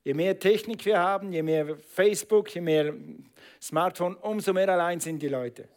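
A man's voice: sits high, normal speed, darkish tone. A man preaching a sermon, stressing and repeating phrases and calling on the congregation to answer back. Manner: emphatic, repeats phrases, calls on congregation to respond.

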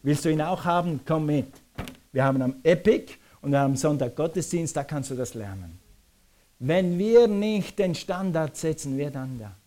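A man preaching a lively sermon, acting out scenes as he speaks. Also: a little high, normal speed. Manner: animated preaching, acts out scenes. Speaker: pastor.

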